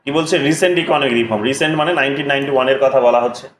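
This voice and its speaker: A man teaching an exam-prep lesson from a room at home, with a strong echo around his voice. He explains each point and then repeats it. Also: mid-range voice. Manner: repeats points, switches into slow read-out English. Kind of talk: exam-prep lecture, reading and explaining questions. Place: room at home with doors and windows shut. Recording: echoey room, faint background hum.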